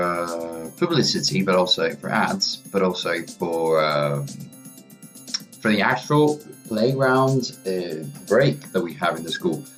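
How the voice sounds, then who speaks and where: Guy hosting school radio, deep and slow, lots of hesitating, music behind. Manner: halting, hesitant, searching for words. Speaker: radio host and teacher. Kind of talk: unscripted radio presenting.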